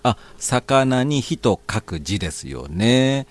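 A man's voice: medium pitch, big pitch swings. A man hosting a radio language lesson, asking friendly questions and nodding along with short replies. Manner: friendly questioning, quick nods and back-channels. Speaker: host.

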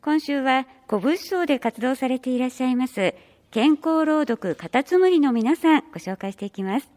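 A woman's voice: sits high, lively intonation, moderate pace, darkish tone. A woman hosting a community program, interviewing club members in formal, very polite phrasing. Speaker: radio host.

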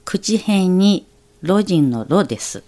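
Slow, patient woman teaching Chinese. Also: lowish voice, lively intonation, dark tone. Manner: slow, careful, explains characters step by step. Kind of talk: radio language lesson.

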